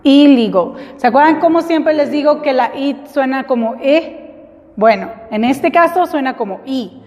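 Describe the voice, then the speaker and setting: A woman English teacher giving a classroom lesson in Spanish, drilling students slowly and clearly with repeat-after-me prompts. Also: high-pitched, darkish tone, in a large hall.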